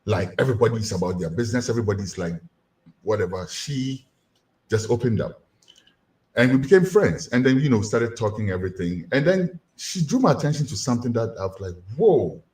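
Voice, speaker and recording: A Ghanaian man delivers a community lecture at medium pitch and a slightly quick pace. He is animated and keeps asking his audience rhetorical questions.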